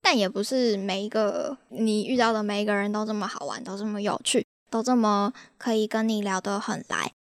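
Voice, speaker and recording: A woman's voice: medium pitch, fairly even intonation, a little fast, hardly any pauses, no room sound, clean studio sound. A young woman from Taiwan with a Taiwanese Mandarin accent, hosting a podcast in a chatty, exasperated storytelling way. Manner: chatty, exasperated, laughs at her own stories. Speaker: podcast host.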